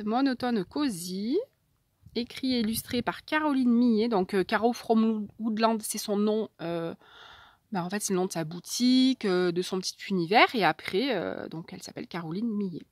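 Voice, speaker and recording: Soft-spoken woman with a higher voice. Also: no echo. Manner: soft, hesitant, many fillers. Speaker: unboxing vlogger. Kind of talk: casual unboxing chat.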